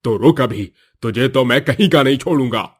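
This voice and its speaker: A man's voice: medium pitch, expressive, normal speed, husky. A man playing a stern, wealthy employer who feels betrayed, scolding and threatening in a moral story. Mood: angry accusing. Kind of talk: acted Hindi moral story.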